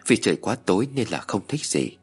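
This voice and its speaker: A low-voiced man tells a first-person horror story in a measured, somber way. His pitch moves in lively swings, and faint music plays underneath. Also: breathy edge.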